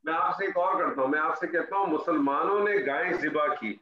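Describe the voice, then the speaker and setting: A man teaching Arabic grammar over a call, his voice pitched high and patient as he repeats each example. The audio is dull and roomy. A faint noise runs underneath. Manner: patient, drills students with repeated example sentences. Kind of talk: online class teaching. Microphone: online call audio.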